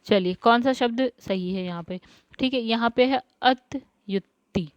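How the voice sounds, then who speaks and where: A woman's voice: on the high side, a little slow, dry recording. A woman tutor goes through a spelling lesson one word at a time, repeating each word and often calling her students "guys.". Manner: explains step by step, repeats words, says "guys" often. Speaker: Hindi exam tutor.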